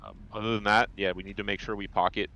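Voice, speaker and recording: A man with a New Jersey accent leading a raid, calmly explaining strategy over voice chat. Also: lowish voice, fast. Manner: calm, instructive, many fillers. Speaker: raid leader. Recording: dull lo-fi voice chat.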